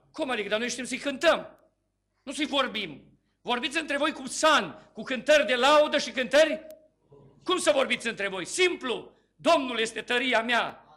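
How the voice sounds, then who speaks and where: A male preacher with a high, bright and sharp voice delivers a sermon to his congregation. He poses rhetorical questions and swells into forceful, emphatic bursts before dropping back down.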